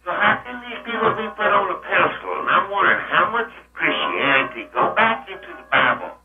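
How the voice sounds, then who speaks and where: A male caller comes through a thin phone line with echo. He speaks in a rambling, colloquial manner at a middling pitch, sounding distant, with music-like sound behind him. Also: lively intonation, brisk. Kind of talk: rambling casual phone call.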